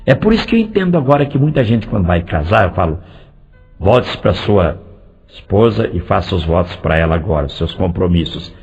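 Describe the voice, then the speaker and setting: A male pastor preaching a lively sermon, firing direct questions at the congregation and swinging between loud and soft delivery. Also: deep voice, a little fast, creaky, breathy edge. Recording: dull lo-fi recording with faint music.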